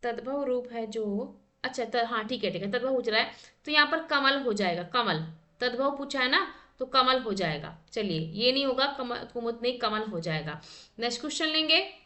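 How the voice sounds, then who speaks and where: A woman's voice: on the high side, lively intonation, normal speed, bright, forceful tone. A woman teacher running an exam practice lesson, reading out options, asking for answers and correcting herself as she thinks aloud. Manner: quizzing, reads out options then asks for the answer.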